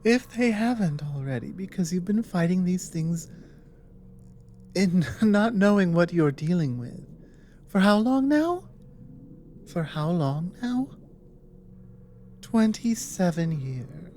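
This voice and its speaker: A woman performs as a grave female dragon, a survivor of a long war, in an ASMR audio drama where the background noise comes through clearly. Slow, mellow, and lowish with lively intonation, she speaks earnestly and haltingly, leaving dramatic pauses, sounding troubled and weary.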